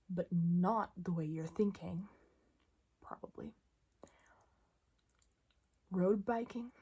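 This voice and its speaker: A young woman vlogging from bed at midnight, talking in a hushed, chatty whisper full of fillers. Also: lowish voice, slightly rough. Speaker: book vlogger. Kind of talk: late-night casual vlog. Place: in bed at night.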